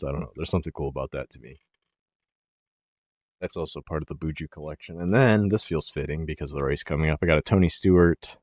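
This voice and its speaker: A man with a very low voice hosts a short-track racing show in casual talk. He gets fired up and punches his words, then drops to a mumble. The sound is dry and close. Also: no echo. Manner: excited and emphatic, trails off quietly. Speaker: racing podcast host.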